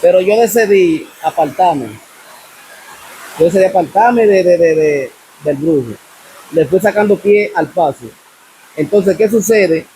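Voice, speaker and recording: A man with a Dominican accent recounting his personal testimony as a guest, telling the story step by step and often pausing to ask what happens next. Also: high voice, dark tone, a little hiss or hum. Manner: repetitive storyteller, keeps asking "what happens?".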